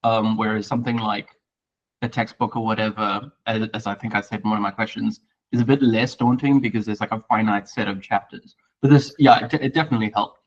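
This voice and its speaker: A man's voice: on the low side, steady tone, a little fast, distant mic, muffled recording. A man with a South African accent, a student talking through a Q&A session in a hesitant, candid way, thinking aloud. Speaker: student asking questions. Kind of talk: casual Q&A discussion.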